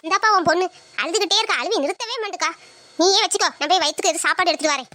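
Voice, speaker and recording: Brief: woman playing nagging grandmother, insistent and fast, very high and bright. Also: slight background noise. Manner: scolding, insistent. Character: worried grandmother nagging her son. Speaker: mother of the father. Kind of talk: home drama acting.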